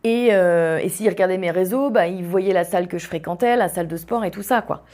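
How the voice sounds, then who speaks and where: A woman's voice: fairly low pitch, fairly quick. A young woman from the Vendée region of France hosts a podcast and recounts a personal story straight into her microphone. She talks casually and animatedly, piling up fillers and restarting sentences as she goes. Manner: animated, tumbling speech with frequent fillers and restarts. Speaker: podcast host.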